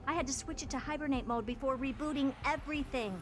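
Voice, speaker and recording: A woman's voice: sits high, fast, music in the background, natural voice. An actress voicing an aloof, impatient female genius scientist in a video game, dry and dismissive. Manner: dry, dismissive, matter-of-fact.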